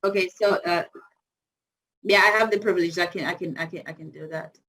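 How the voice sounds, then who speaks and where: Tanzanian woman presenter with a lowish voice. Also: fairly even intonation, fairly quick, a bit bright, rough recording. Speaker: guest speaker, university cybersecurity lecturer. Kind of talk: informal online presentation explaining concepts. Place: video call.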